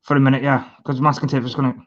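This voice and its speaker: A man hosting a casual video call, easygoing and agreeable, chipping in with quick yeahs. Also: mid-range voice, flat delivery, lo-fi sound. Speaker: host.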